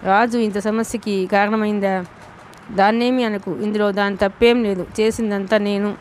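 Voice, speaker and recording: A woman reading as a gentle, protective young man. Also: medium pitch, fairly even intonation, moderate pace, a little hiss or hum, natural voice. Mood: firm. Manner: soft, soothing, coaxing. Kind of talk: audiobook novel reading.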